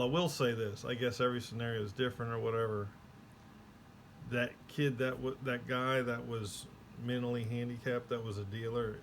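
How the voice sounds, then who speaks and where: This vlogger has a gravelly, fairly low voice, and there's a slight hiss or hum on the recording. He tells a rambling, easygoing story of what happened, putting on voices whenever he quotes someone.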